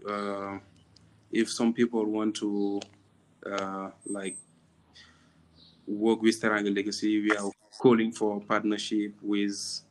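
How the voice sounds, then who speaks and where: A man with a Senegalese accent gives conversational interview answers. His voice sits on the low side and moves very little in pitch. He is hesitant, often repeating a phrase before he carries on. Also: rough recording. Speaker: interviewee, tourism venture co-founder.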